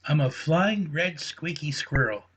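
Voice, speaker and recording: A man voicing an excitable little male flying squirrel with a squeaky voice, in a bedtime story. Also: measured pace, breathy edge, full character voice. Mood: eager. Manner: eager, talks in a rush.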